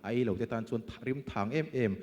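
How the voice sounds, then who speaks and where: A man delivering a sermon in a mellow, dark voice. He is emphatic, pushing out loud bursts and then dropping to quieter asides. A long church-hall reverb trails after every phrase. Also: medium pitch, fast talker, highs cut off. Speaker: preacher.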